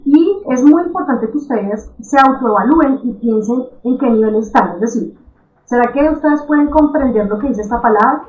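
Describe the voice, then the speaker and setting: A woman teaching an online reading lesson in a lively, encouraging way, often checking in with her students. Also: on the high side, reverberant, rough recording. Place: recorded for an online class.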